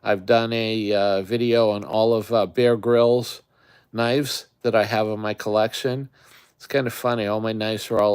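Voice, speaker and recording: The speaker is a middle-aged man from the Great Lakes area who runs a camping channel. Speaking casually on a live stream, he rambles and fills his talk with fillers, his smooth, darkish, lowish voice captured in clean studio sound without echo.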